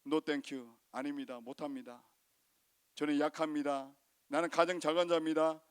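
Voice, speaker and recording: A man's voice: a little high, moderate pace, natural voice. A man preaching in Korean who acts out a reluctant young male warrior refusing and then bargaining with God.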